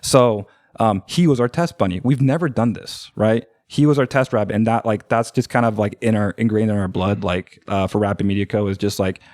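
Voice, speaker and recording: A man's voice: on the low side, brisk, few pauses, a little mellow, no echo, clean studio sound. A man from Oregon, a marketing agency owner, talking as a podcast guest in a rambling, filler-heavy way that leans on "like" and "right?". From Oregon, USA. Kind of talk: casual podcast chat.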